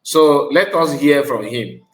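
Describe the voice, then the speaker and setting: A man's voice: on the high side, slow pace, background noise. Nigerian guy doing reaction commentary, west african accent, emphatic, repeats himself, echoey room sound. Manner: emphatic, repeats phrases for stress. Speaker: online video commentator.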